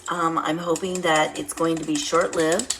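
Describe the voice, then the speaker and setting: A woman's voice: low-pitched, level tone, unhurried, fairly bright tone, a little hiss or hum. A woman with a nasal, congested voice from a head cold, casually talking through a craft demonstration as the instructor. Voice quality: nasal, congested, stuffed-nose sound. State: blocked nose from a head cold.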